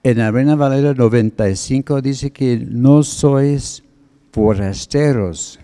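Male preacher, sermon teaching, very dark mellow tone, unhurried deliberate delivery. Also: mid-range voice. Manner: slow, deliberate, explains word meanings.

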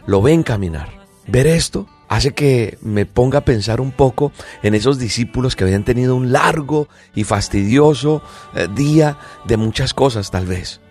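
A man with a fairly low voice delivers a daily devotional sermon, speaking close to the mic. He reads a scripture passage and then turns to earnest reflection and encouragement. Faint music plays behind him. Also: darkish tone. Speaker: preacher.

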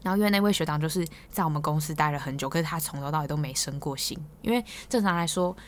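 A young Taiwanese-accented woman rattles through a casual podcast monologue at a brisk clip. Her voice sits a little low, and she teases freely and laughs easily as she tells her stories. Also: slight background noise. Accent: Taiwanese Mandarin. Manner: chatty, teasing, quick to laugh. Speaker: podcast host.

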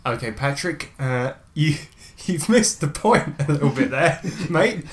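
A man co-hosting a podcast in casual chat, jokey and quick to laugh and swear. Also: on the high side, lively intonation. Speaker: podcast co-host.

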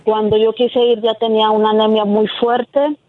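A woman's voice: fairly high pitch, level tone, moderate pace, no echo, soft background music. Hesitant woman on a tinny phone line. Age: 50s. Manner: hesitant, filler-heavy with repeated "este". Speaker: caller. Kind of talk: personal account to a call-in host. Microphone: telephone. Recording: tinny narrow-band telephone line.

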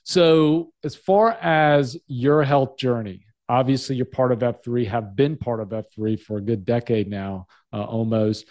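A man in his forties with a voice of ordinary pitch, hosting a podcast. He speaks in a friendly, encouraging way, sometimes stumbling as he shapes a question. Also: a little slow, few pauses, darkish tone. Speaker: podcast host. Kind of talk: casual interview talk.

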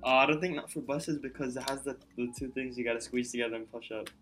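A woman's voice: extremely low pitch, fairly even intonation, fast talker, a bit bright, soft background music. A young woman chatting casually, laid-back and hesitant, often second-guessing herself. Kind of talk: casual chat.

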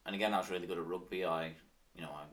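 Deep-voiced man with a strong Manx accent. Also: fairly even intonation, very fast, fairly bright tone, recorded from a distance. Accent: strong Manx (Isle of Man). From Isle of Man. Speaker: podcast guest, cyclist. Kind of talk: casual interview chat. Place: podcast studio.

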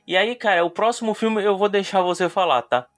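A man's voice: high-pitched, brisk, fairly bright tone, no room sound, clean studio sound. A man with a Brazilian Portuguese accent, co-hosting a casual film chat with informal slang, emphatic opinions and teasing banter. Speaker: podcast co-host.

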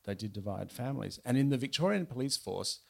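A man's voice: mid-range voice, expressive, quick pace, gravelly, darkish tone. A man, an author chatting wryly and reading aloud from his novel at a bookshop event. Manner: chatty, wry, with fillers and restarts.

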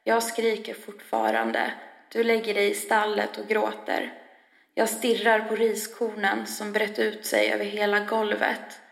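A woman reads a first-person spoken-word piece slowly and heavily, her voice carrying a gravelly fry. The recording sits in a roomy space with a long, ringing reverb trailing each line. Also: medium pitch. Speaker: reader. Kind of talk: scripted spoken-word narration. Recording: echoey room with long reverb.

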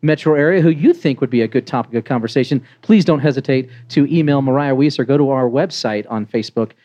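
A man's voice: medium pitch, fast talker, warm tone, highs cut off. An American man hosting a talk show, casually interviewing and making announcements to listeners. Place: press club before a small live audience.

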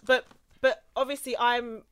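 Frank woman with a bright voice. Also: a little high, little pitch movement, measured pace, a little hiss or hum. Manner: thoughtful, frank, hesitant restarts. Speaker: podcast co-host. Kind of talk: casual chat.

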